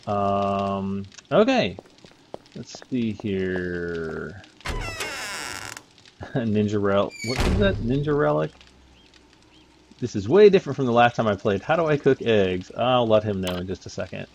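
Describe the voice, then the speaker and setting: A man's voice: on the low side, expressive, unhurried, long pauses, highs cut off, noisy background. A man giving casual, rambling commentary over his gameplay, chuckling often between thoughts. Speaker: gaming YouTuber.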